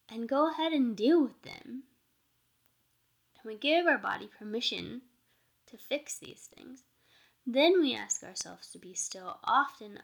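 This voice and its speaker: Woman meditation teacher chatting reflectively, mid pitch, lots of vocal fry. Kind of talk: informal spiritual talk and meditation instruction.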